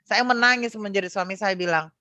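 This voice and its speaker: Speaking a little fast in a medium-pitched, bright and forceful voice, a middle-aged woman from Indonesia recounts a personal experience as a guest. Her casual telling is full of fillers and self-corrections.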